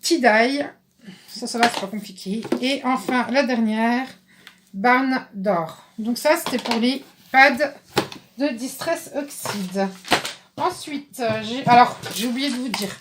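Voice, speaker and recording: A woman chatting casually in a craft haul video, reading out English product names haltingly. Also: a little high, background noise. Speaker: craft vlogger.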